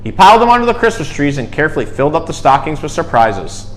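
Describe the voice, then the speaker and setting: A man reading a children's storybook aloud in an expressive way, with dramatic emphasis. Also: fairly high pitch, fast talker, slight background noise, poor audio. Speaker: storyteller and zookeeper host.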